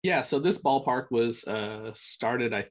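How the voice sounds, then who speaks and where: A man answering interview questions over a video call, his audio glitching and breaking up, talking in a relaxed way with frequent ums and restarts. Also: medium pitch, slow pace. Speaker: interview guest.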